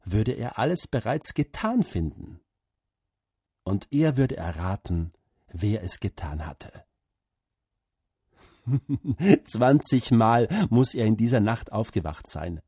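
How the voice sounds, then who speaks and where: Brief: husky low-voiced man reading a story aloud, slow and lively, dry sound. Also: no room sound. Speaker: narrator.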